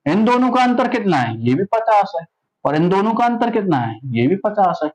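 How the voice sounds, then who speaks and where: A man's voice: high-pitched, sing-song, moderate pace, darkish tone, low-quality recording. A young man teaching a maths lesson, keeps asking questions, then answers them himself.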